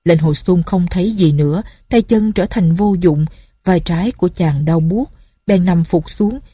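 A woman narrating a martial arts novel as an audiobook in a steady storytelling manner. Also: lowish voice, normal speed, husky, dry recording, clean studio sound.

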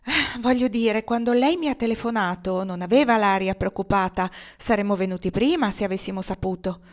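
A slightly flustered young woman explains herself in quick, earnest sentences, as a woman reads her aloud. Her tone stays close to an everyday voice. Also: medium pitch, natural voice.

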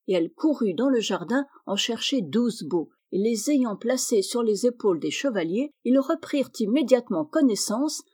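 Woman, audiobook reader, mellow tone, expressive storybook narration. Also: on the high side, breathy edge. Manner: expressive, lifts her voice for characters.

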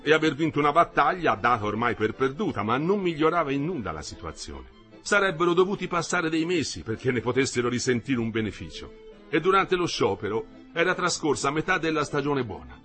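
A man reading a literary novel aloud, with a measured and expressive delivery. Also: medium pitch. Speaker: audiobook narrator.

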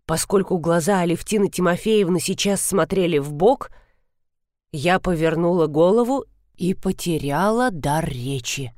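A woman reading a first-person story aloud in a measured, even storytelling manner. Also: lowish voice, no room sound, clean studio sound. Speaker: audiobook narrator. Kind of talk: first-person scripted narration.

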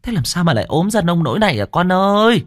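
A man's voice: high-pitched, very animated, fast, no room sound, clean studio sound, pitched above the performer's own voice. A man putting on a fretful old grandmother. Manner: fussing, lamenting.

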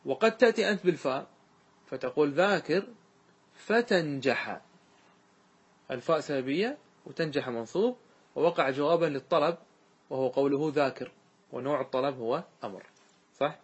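A man's voice: a little high, animated, normal speed, long pauses, slightly rough. A man, a sheikh giving a classroom grammar lesson, explaining step by step, repeating examples and quizzing his students.

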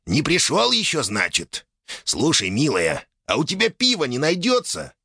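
A man's voice: on the high side, wildly swooping pitch, normal speed, gravelly, pushed and bright, breathy edge, dry recording, clean studio sound, voice pushed up, exaggerated voice. A man voicing a folksy talking boulder. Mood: cheeky. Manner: folksy, familiar. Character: talking boulder with bushy brows, boozy old sailor.

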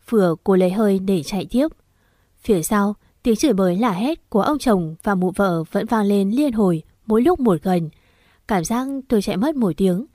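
A woman narrating a scripted first-person horror story in a steady, emotional storytelling manner. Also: medium pitch, no echo, clean studio sound.

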